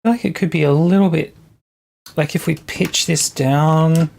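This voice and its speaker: Medium in pitch, with vocal fry and a darkish tone, a young adult producer streams live while making tracks. The casual conversation with viewers comes out halting, as if thinking aloud.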